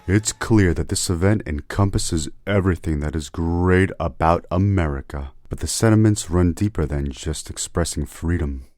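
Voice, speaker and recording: Very deep, dark male narrator. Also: moderate pace, hardly any pauses, soft background music. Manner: mock-grand, wry. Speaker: documentary narrator. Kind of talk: scripted narration.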